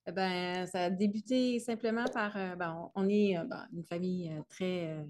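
A woman's voice: on the low side, steady tone, normal speed, a little mellow, a little hiss or hum. A woman, a guest telling her story hesitantly with many fillers. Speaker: guest, teacher. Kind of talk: casual interview chat.

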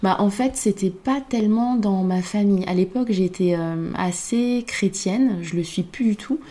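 A woman's voice: mid-range voice, moderate pace, dark tone. A woman from Côte d'Ivoire talking in a casual podcast conversation, reflective and hesitant, with many fillers.

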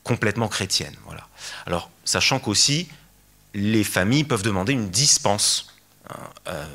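A man's voice: sits low, a bit bright. A man giving a lecture talk, hesitant, with many fillers and restarts. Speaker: conference speaker.

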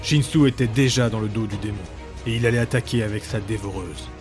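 A man narrating a fantasy story in a measured, dramatic way. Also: fairly low pitch. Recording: background music.

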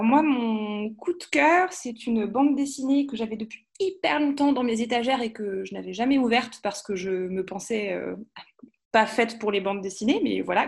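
High-pitched woman, hesitant phrasing. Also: a little mellow. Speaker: podcast contributor. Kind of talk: casual book review.

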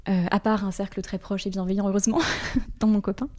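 A woman guest in a podcast conversation, speaking candidly in a halting way, with many fillers and frequent laughs. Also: medium pitch, flat delivery, darkish tone. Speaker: interview guest, brand designer.

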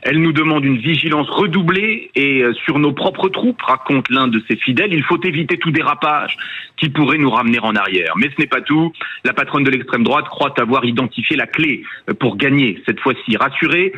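A boxed-in, tinny remote line carries a Frenchman's voice, dull and lo-fi, with a slightly husky edge. He speaks with a French accent from France at a lowish pitch, delivering political commentary as a radio editor. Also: moderate pace. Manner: boxed-in, muffled sound as if speaking inside a tin can. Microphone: remote call connection.

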